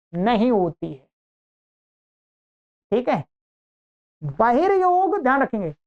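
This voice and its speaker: A woman teaching Sanskrit grammar in an online lecture, explaining patiently and checking in with the listener as she goes. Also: sits high. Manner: slow, explanatory, repeats points with "ठीक है". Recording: dull lo-fi audio.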